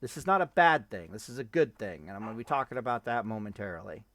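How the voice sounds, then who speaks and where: A man's voice: lowish voice, lively intonation, fast talker, fairly bright tone, no room sound. A man giving casual, rambling commentary on a game, cursing and interrupting himself as he tests things. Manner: rambling, profane, self-interrupting. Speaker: gaming streamer.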